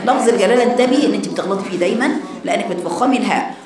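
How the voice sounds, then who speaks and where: A woman with an Egyptian accent teaching Quran recitation, correcting a student and chanting slow examples. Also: mid-range voice, expressive, roomy sound, crowd noise. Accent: Egyptian Arabic. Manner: corrective, alternates quick Egyptian speech with slow chanted demonstrations.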